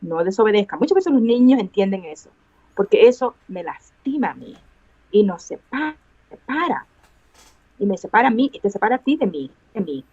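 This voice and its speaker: Woman teacher, earnest, repeats words for emphasis, middle pitch, dull lo-fi call sound. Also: sing-song, moderate pace, warm tone, husky, no echo. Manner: acts out quoted dialogue with children. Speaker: guest educator and teacher. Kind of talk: interview answer over a video call. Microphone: remote video call.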